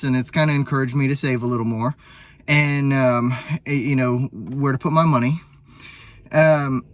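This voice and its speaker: A man from the US Pacific Northwest giving casual spoken commentary as a vlogger, rambling and hesitant, full of ums and self-corrections. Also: fairly high pitch. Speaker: vlogger reacting to a finance show.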